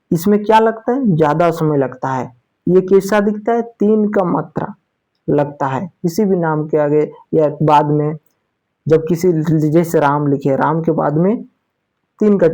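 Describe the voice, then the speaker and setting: A Sanskrit teacher gives a spoken grammar lesson. The teacher often asks a question and then answers it, keeps checking in with "theek hai", and draws out example sounds slowly. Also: mid-range voice, dark tone, muffled recording.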